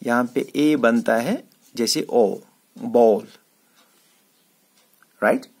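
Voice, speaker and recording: A man giving a classroom lecture on letter sounds, explaining slowly and repeating words for emphasis. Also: medium pitch, sing-song. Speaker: English teacher. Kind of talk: classroom lecture mixing Hindi and English.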